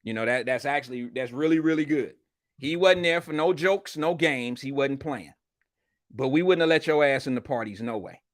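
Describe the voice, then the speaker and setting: A man's voice: mid-range voice, moderate pace, no room sound, studio quality. A man hosting a casual live show, chatting with viewers in blunt, slangy, profane talk while wearing a retainer in his mouth. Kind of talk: casual livestream chat reading viewer comments.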